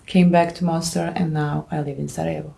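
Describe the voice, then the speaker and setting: Interview guest, woman in her thirties, from Bosnia and Herzegovina, very low voice, thoughtful, soft laughs. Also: flat delivery, fairly quick, vocal fry, crowd noise. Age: 30s. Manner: thoughtful, laughs softly between answers. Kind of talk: casual interview.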